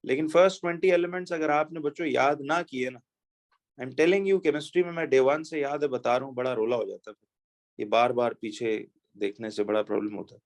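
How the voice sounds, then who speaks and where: A man teaches a chemistry lesson, reading exam questions slowly and working through them step by step, posing rhetorical questions to his pupils. His voice is mid-range and his tone steady.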